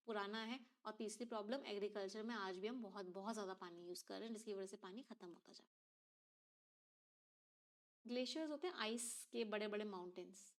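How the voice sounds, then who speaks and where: A woman teacher explains an exam passage step by step and keeps asking her class questions. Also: mid-range voice. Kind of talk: exam reading-comprehension lesson.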